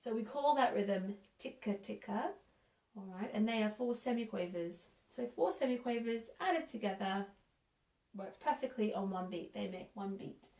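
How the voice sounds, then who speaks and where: A woman teaching a music lesson for young children, counting in and praising warmly. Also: medium pitch, animated, moderate pace. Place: room at home. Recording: echoey room, a bit distant.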